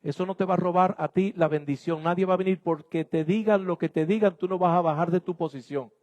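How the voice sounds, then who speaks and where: High-voiced man preaching with hall reverb. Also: brisk, darkish tone. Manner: emphatic, exhorting the congregation. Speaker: pastor. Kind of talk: sermon. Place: church.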